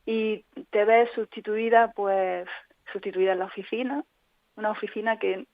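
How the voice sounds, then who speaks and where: A woman speaks as a radio interview guest, recounting her own experience in an earnest, reflective tone. Her voice sits at a middling pitch. It comes through a tinny, phone-like line with a dry sound and no room echo. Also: fairly even intonation, normal speed. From Spain. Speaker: interview guest, patient advocate. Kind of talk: personal account in a radio interview.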